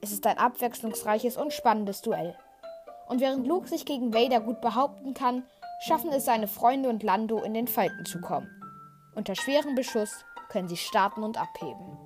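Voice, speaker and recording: A woman retells a story in a scripted, dramatic narration. Her voice sits on the high side. Clear music plays underneath throughout. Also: moderate pace. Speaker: podcast host.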